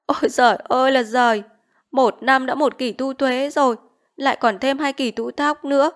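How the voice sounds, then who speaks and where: A starving peasant mother begs and laments in a tearful, high-pitched wail, as a woman reader puts her on. Every plea comes out shaky with grief. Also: fairly even intonation, normal speed, close to an everyday voice. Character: desperate poor peasant mother, wailing and pleading.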